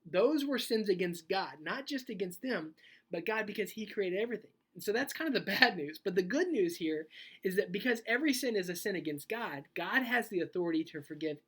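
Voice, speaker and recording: A woman youth pastor preaching a casual, animated sermon, telling a story and checking in often with her listeners. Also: mid-range voice, brisk, breathy edge. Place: church youth service.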